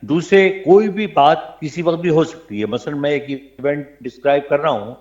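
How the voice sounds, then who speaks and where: An older man from Pakistan, a veteran radio commentator, telling animated stories as an interview guest and often checking that his listener follows. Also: fairly high pitch. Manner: animated anecdotes, frequent "theek hai na?" check-ins. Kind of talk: reminiscing interview storytelling. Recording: dull lo-fi broadcast audio.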